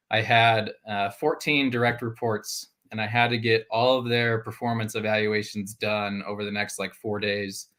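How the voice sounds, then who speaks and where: Man, co-host, lowish voice, bright tone, chatty, teasing. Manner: chatty, teasing, laughs easily. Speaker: podcast co-host. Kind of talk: casual live show chat.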